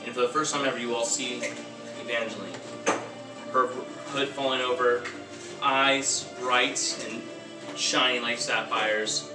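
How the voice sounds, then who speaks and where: A man running a tabletop game as game master, narrating dramatically and bursting into loud shouted lines. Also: medium pitch, roomy sound, far from the mic, poor audio.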